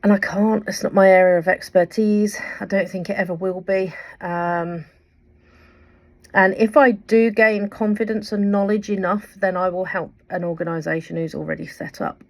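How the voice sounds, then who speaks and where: A woman's voice: medium pitch, steady tone, normal speed. A woman giving an earnest, impassioned weekly update to her viewers, rambling with fillers as she talks. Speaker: vlogger and writer. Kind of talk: direct-to-camera weekly update.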